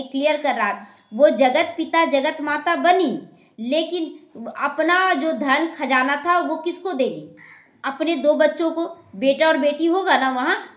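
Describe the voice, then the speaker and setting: A woman's voice: high-pitched, fairly bright tone. A woman, a spiritual teacher explaining scripture to a class, repeating her points and speaking straight to her listeners. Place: meditation class hall. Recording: echoey room.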